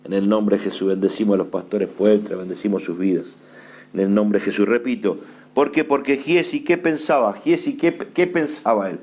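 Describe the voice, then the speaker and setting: A man's voice: lowish voice, normal speed, a little mellow. A man with an Argentine Spanish accent, an apostle preaching a sermon, asking rhetorical questions, answering them himself and repeating phrases for emphasis.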